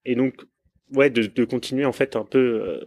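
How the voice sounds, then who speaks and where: A man's voice: medium pitch, normal speed, a little mellow, no room sound. Chatty male host, dry close sound. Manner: joking, repeats words while thinking. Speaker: interviewer, host. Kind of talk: casual interview hosting.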